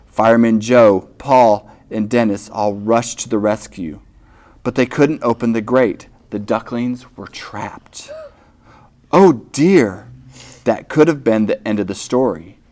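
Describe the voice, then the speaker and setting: Slow, expressive storytelling man. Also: fairly low pitch. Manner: slow, expressive, asks the children questions. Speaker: host reading to children. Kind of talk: children's read-aloud.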